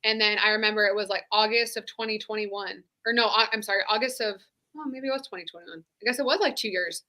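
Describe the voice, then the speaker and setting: Fast and mid-range, her voice sounds pushed and bright as this former sheriff's deputy in her thirties shares her story in an interview. It's candid, casual storytelling, conversational and thick with "like."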